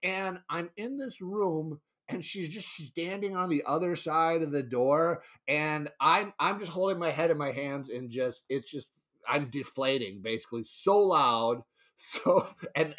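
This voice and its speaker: A young adult man co-hosting a podcast, telling a story in a bright, forceful voice. He is animated and laughs often. He slips into other people's voices for the quoted lines. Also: fairly high pitch, unhurried. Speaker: podcast co-host. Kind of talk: casual storytelling chat.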